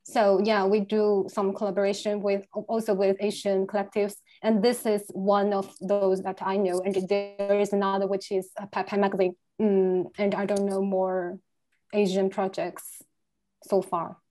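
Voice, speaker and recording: A woman's voice: medium pitch, flat delivery, normal speed, warm tone. Hesitant woman panelist on a video call. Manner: hesitant, many fillers and restarts in English.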